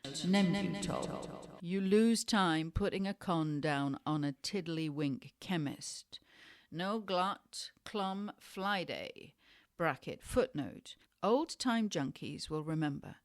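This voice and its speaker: A woman giving an experimental literary reading, slow and deliberate with hypnotic repetitions. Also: fairly low pitch, darkish tone. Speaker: reader. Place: indoors in Tangier.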